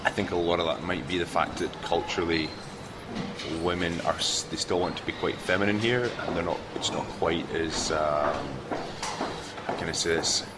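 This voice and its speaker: A man's voice: low-pitched, fairly even intonation, normal speed, heavy background noise. A man who works as a personal trainer, talking about his job in a chatty, plainspoken way with some ums. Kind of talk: interview answers.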